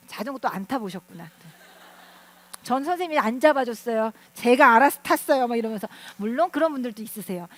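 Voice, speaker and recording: Woman teacher at a parents' seminar, high voice, animated, quizzes the room, dry close sound. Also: no room sound. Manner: animated, asks the audience questions. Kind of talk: lecture to parents.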